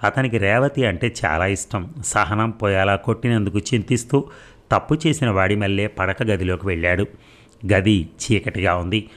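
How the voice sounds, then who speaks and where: A man calmly narrating a story in an even, measured way. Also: on the low side. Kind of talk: scripted narration.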